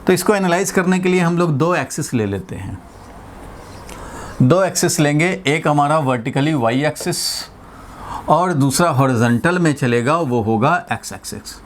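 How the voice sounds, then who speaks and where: A middle-aged man from India gives a physics lesson in a voice pitched a little high. He explains slowly and circles back over each point. He mixes English terms into his Hindi and asks the class rhetorical questions. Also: slight background noise. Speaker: physics teacher. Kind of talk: classroom lecture.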